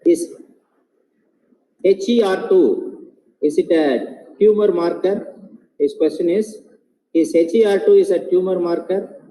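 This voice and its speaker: A man's voice: high-pitched, unhurried, long pauses, dark tone, roomy sound, poor audio. Polite man moderating, hesitant. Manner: polite, hesitant, many filler "uh"s. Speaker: webinar moderator. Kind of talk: formal webinar moderation.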